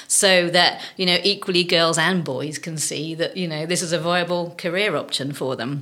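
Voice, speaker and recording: A woman's voice: lowish voice, normal speed, bright, forceful tone. A woman co-hosting a podcast, chatting casually with frequent fillers. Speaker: podcast co-host.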